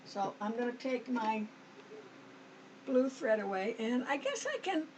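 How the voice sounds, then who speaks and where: She hosts a sewing tutorial with a very animated, fairly high voice, speaking a little slowly over a noisy background. Working step by step, she chats homily, treats viewers as "us," and keeps saying okay and restarting. Her throat is a bit dry, and she clears it.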